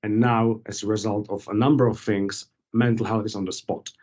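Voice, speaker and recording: A man, a guest explaining policy work in a measured, formal way during an interview held over a video call. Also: on the low side, flat delivery, darkish tone, lo-fi sound. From Czech Republic.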